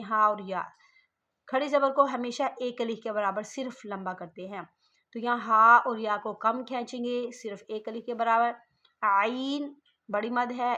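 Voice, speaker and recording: A woman gives a patient online recitation lesson, her voice bright and fairly high. She explains each letter calmly and stretches the sounds out long when demonstrating. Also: dull audio. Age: middle-aged. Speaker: online Quran reading teacher. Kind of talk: slow step-by-step recitation lesson.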